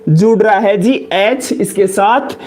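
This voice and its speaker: A man with a Rajasthani Hindi accent teaching chemistry in a live class, loudly repeating each question and calling students beta and janab. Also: high-pitched, slow. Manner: loud, emphatic, drills points by repetition. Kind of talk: live online lecture in Hindi.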